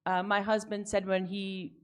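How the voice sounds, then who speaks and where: A woman's voice: medium pitch, little pitch movement, a little slow, clean tone. A woman in her forties, a pastor preaching a sermon at a pulpit microphone in a church, reflective with chatty personal asides. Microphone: speaking at a pulpit microphone.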